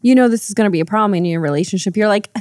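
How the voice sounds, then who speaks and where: A woman in her thirties from Serbia with a Serbian accent, a therapist guest giving thoughtful, measured explanations in casual podcast talk. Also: medium pitch, darkish tone, no room sound, studio quality. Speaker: psychotherapist guest. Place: living-room podcast set. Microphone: studio mic on boom arm, headphones.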